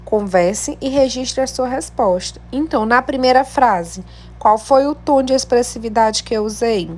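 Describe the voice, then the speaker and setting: A woman teacher, giving a remote lesson to young pupils in a slow, clear, encouraging way. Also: on the high side, a little mellow. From Brazil. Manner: slow, clear, encouraging teacher delivery addressing children at home. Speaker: primary school teacher. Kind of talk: remote class lesson reading a textbook.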